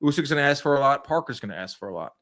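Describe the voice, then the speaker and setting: A man's voice: medium pitch, lively intonation, rapid-fire, fairly bright tone. A man hosting a live boxing stream, chatting casually and giving his opinions while talking to viewers in the chat. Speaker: boxing livestream host. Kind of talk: casual live fight commentary.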